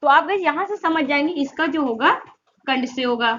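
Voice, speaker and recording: In a muffled recording with slight background noise, a woman with a high, animated, somewhat bright voice runs an exam-prep Hindi grammar lesson. She fires questions at her students, supplies the answers herself, and draws out vowels to demonstrate their production.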